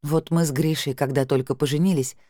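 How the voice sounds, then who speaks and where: A woman narrating a first-person story in a wry, lively storytelling manner. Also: sits low, fairly quick, no room sound, studio quality.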